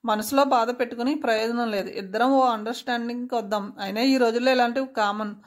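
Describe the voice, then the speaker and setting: A woman's voice: a little high, steady tone, quick pace, natural voice. A woman voicing a sleazy middle-aged male neighbour who talks in a smug, taunting way in a storybook reading. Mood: leering.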